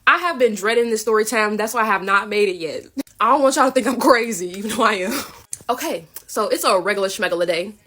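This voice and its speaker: A woman's voice: mid-range voice, fast, pushed and bright. A young woman telling a personal story in a casual, candid and self-deprecating way, with faint music behind her.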